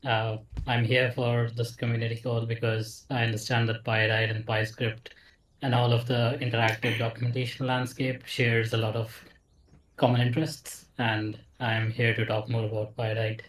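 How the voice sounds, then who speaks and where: A man from India, a software engineer making a polite, measured announcement on a video call. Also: mid-range voice, completely flat delivery. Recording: echoey room, distant mic.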